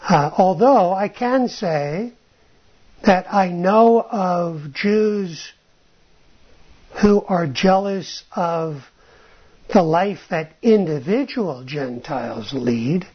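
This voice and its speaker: In dull lo-fi audio, a Bible teacher with a husky, expressive, medium-pitched voice draws out his words. His informal style involves thinking aloud, restarting phrases, and checking in with a questioning "right?" at the end of points.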